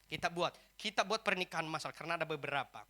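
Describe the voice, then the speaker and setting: Bright-voiced male preacher telling a story. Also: on the high side, fast. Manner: storytelling, quoting dialogue, rising to loud emphatic peaks. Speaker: pastor. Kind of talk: sermon with acted anecdotes. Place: church service.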